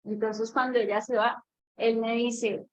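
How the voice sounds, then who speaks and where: A woman's voice: on the high side, little pitch movement, unhurried. A mother, telling a long story about her child and asking a question in casual talk, with many fillers. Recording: dull lo-fi audio with faint noise.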